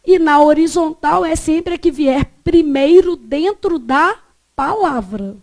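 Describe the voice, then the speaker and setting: A woman's voice: high voice, animated, slow pace. A woman with a Brazilian accent teaching a Portuguese grammar lesson in a classroom, often quizzing her students with check questions.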